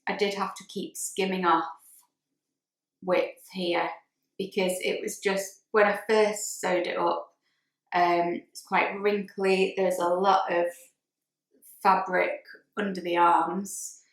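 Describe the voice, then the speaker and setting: A woman's voice: lowish voice, little pitch movement, takes it slowly, roomy sound, poor audio. Chatty woman sewing vlogger. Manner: chatty, hesitant, lots of ums and restarts. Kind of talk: casual chat to camera.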